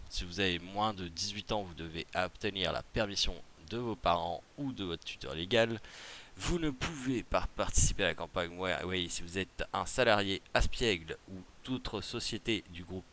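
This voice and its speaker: A man's voice: sits low, sharp tone, slight background noise. A man with a Quebec French accent explains a game promotion in a casual tutorial, reading rules aloud and then chatting loosely with fillers and asides. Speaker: gaming video creator.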